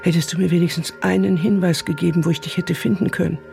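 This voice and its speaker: A woman's voice: lowish voice, steady tone, fast, vocal fry, darkish tone, faint music behind. A woman playing a lonely, half-paralyzed aging mother in a radio drama, pleading with her returned son. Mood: bitter pleading. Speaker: mother figure in a radio play.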